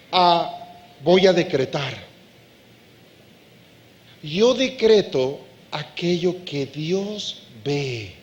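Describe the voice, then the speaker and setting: A man preaching a sermon as pastor, lively, asking the congregation questions and acting out dialogue. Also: sits high. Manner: animated preaching, acts out dialogue.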